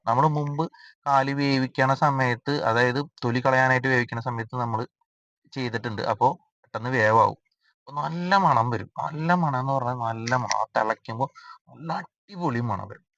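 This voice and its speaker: A man from Kerala narrating a cooking vlog in a casual, rambling way, filling pauses with drawn-out "aa" sounds. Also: mid-range voice, a bit bright, muffled recording. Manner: chatty, rambling, frequent drawn-out 'aa' fillers. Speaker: cooking vlogger.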